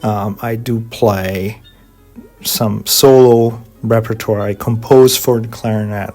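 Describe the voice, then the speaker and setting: A middle-aged Hungarian man, a guest organist and composer, answering interview questions in measured English with frequent pauses and fillers. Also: fairly low pitch, fairly even intonation, a little mellow, faint music behind.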